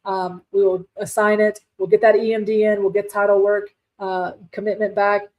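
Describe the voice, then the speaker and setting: Woman host, casual live-stream talk, chatty with fillers, firm and direct, mid pitch. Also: little pitch movement, moderate pace, a little mellow, poor audio. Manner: chatty, many fillers and restarts. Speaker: livestream host, real estate wholesaler.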